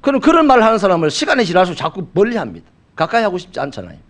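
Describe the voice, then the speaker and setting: A middle-aged male pastor, preaching a sermon with animated storytelling. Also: high-pitched, racing. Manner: animated storytelling with acted quotes.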